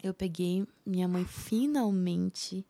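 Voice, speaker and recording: Gravelly Brazilian woman telling a story. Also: fairly low pitch, slow. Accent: Brazilian Portuguese. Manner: animated, often drops to a whisper for emphasis. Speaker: vlogger. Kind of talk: casual storytelling.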